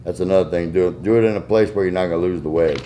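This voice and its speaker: A man's voice: deep voice, rapid-fire, lo-fi sound, heavy background noise. A man with a Southern US accent giving a casual hands-on tutorial in a folksy, step-by-step way. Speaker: goose call maker giving a tuning demonstration.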